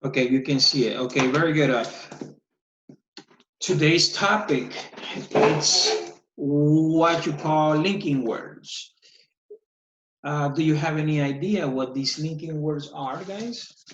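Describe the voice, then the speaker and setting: A male English teacher gives an online lesson, explaining patiently step by step in a slow, slightly bright voice on the high side. His voice was captured on a computer mic in a screen recording of a video call. The audio is echoey and dull, with slight background noise.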